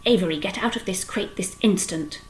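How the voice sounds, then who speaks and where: A woman reading aloud and voicing a stern farm mother giving sharp commands. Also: lowish voice, a little fast, a little hiss or hum, natural voice.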